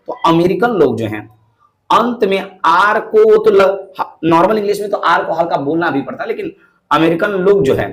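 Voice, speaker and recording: A man teaching English pronunciation in a lesson, repeating words slowly and calling the viewers brother and friend. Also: fairly high pitch, fairly bright tone, poor audio. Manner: slow, repetitive, addresses viewers as brother and friend.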